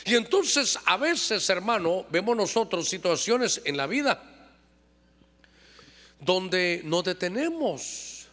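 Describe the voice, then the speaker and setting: A man's voice: high voice, big pitch swings, slow, long pauses, sharp tone. Impassioned middle-aged male pastor preaching. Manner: impassioned preaching, addressing the congregation as "hermano", with call-and-response. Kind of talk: sermon. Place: church. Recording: long church-hall reverb.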